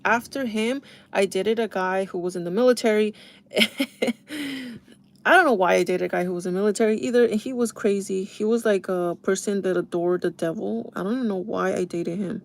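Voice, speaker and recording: A woman's voice: mid-range voice, fairly quick, vocal fry. A woman in her thirties chatting casually to her viewers while doing her makeup, confiding and talking straight to them. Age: 30s. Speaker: beauty vlogger.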